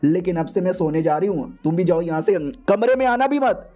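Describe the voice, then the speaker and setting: A man voicing an excitable middle-aged mother who scolds and pleads. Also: sits high, fairly quick, dull audio. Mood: fussing.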